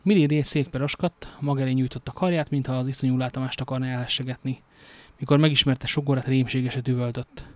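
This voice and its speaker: A man's voice: mid-range voice, fairly even intonation, darkish tone, no echo. A man reading a novel aloud, stumbling now and then and adding casual joking asides. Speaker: amateur reader.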